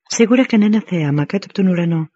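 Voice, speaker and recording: A man narrating an audiobook in a steady, measured reading. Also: sits high, slightly rough, dry recording, dull audio.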